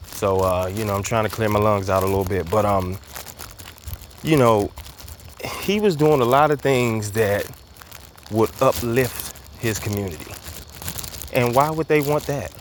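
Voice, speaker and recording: A man's voice: on the low side, unhurried, long pauses, a little hiss or hum. A man hosting a casual commentary monologue, slightly out of breath as he walks outdoors, talking in a loose, emphatic way with lots of fillers and repeated words. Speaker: commentary host. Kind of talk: casual monologue while walking. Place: outdoors, walking.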